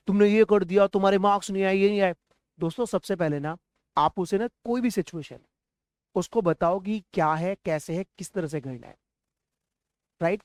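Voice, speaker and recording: A man teaching spoken English in a lively classroom style, coaxing learners to repeat and slowing right down on each English phrase. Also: sits high, no echo, clean studio sound. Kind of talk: energetic classroom-style lesson, drilling phrases for repetition.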